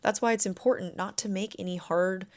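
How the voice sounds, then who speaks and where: Relaxed woman coaching through a podcast. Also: medium pitch, brisk. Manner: relaxed, conversational, reassuring coaching tone. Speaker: podcast host and anxiety coach. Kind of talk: self-help podcast monologue.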